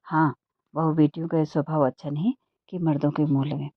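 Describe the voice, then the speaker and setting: A woman's voice: deep voice, level tone, a little fast, breathy edge. A woman voicing a stern old village father in a storybook reading, speaking in a disapproving way. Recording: dull muffled dry recording.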